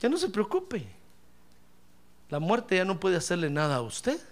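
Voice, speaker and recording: A man's voice: high voice, sing-song, a little slow. A man preaching a sermon as pastor, calling listeners brother, joking with the congregation and acting out their complaints. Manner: jokes with the congregation.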